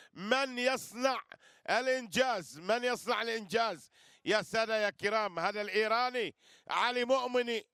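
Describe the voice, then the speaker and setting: A man's voice: extremely high pitch, pushed and bright, smooth, dry recording, clean studio sound. A man giving live wrestling commentary, repeating phrases and addressing listeners with flourishes. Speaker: sports commentator.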